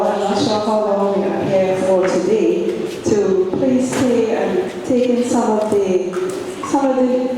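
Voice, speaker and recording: A woman hosting a community event, making slow, deliberate announcements and inviting people forward. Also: medium pitch. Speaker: event host. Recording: echoey hall from far off, background noise.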